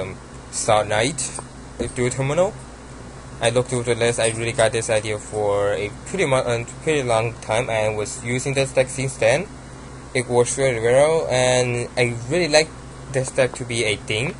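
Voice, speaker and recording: Here a young Chinese-accented man profiles his card deck casually, full of hesitation, ums and restarts. He speaks at normal speed with a medium-pitched voice, and the audio quality is poor with slight background noise.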